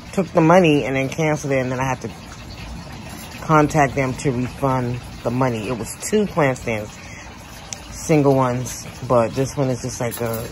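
Her voice is a low rumble as she gives a chatty backyard tour of her patio and garden, speaking straight into a handheld phone camera outside. A home renovation vlogger, she addresses viewers directly with lively exclamations while ambient outdoor noise fills the recording.

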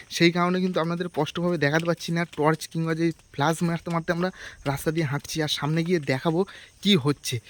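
Hushed, quick-talking man vlogging at night. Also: fairly high pitch, a little hiss or hum. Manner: speaking quietly in a hushed voice while sneaking near a house. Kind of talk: casual vlog narration. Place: outdoors at night on a dark street.

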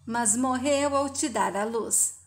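In a retelling told like a storybook, a female narrator plays a severe older woman who lectures relentlessly and won't yield an inch. Her pitch is a touch high, her tone harsh and preachy, and she takes her time.

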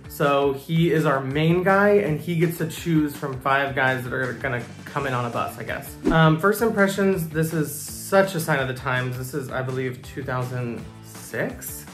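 A young man hosting a casual reaction video, chatty and amused, quick to laugh. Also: medium pitch, a bit bright, echoey room, faint music behind. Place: small home studio with plants.

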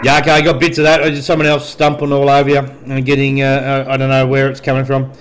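An Australian man working as a radio operator, chatting casually and amiably in radio procedure talk, with hesitant pauses. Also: mid-range voice, monotone, low-quality recording. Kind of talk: radio contact chat with spelled-out call signs. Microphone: dual-element studio desk microphone at a radio set.

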